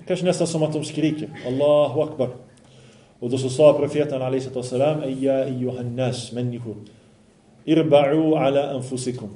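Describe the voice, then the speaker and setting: A man's voice: medium pitch, fairly even intonation, warm tone. A man giving an Islamic study lesson, reciting Arabic passages, translating and explaining them, and asking his listeners questions. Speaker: religious teacher. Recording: echoey room.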